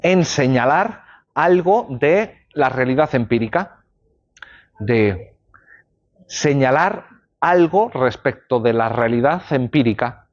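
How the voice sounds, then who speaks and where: A medium-pitched, expressive male voice moves at a slow pace with long pauses. This university law lecturer explains concepts through everyday examples and checks in with his students, heard on a dull lo-fi classroom recording.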